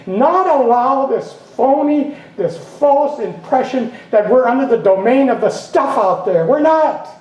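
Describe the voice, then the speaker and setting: A man's voice: extremely high pitch, expressive, unhurried, few pauses, a little mellow, highs cut off. A man giving a sermon as minister, rambling and breaking off with chuckling asides. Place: spiritual center meeting room. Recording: roomy hall from a distance, faint ambience.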